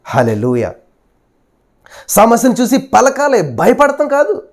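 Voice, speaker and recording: A male preacher delivering a sermon, asking the listeners rhetorical questions, repeating "hallelujah", and swinging between loud and hushed delivery. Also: very high-pitched, huge pitch swings, takes it slowly.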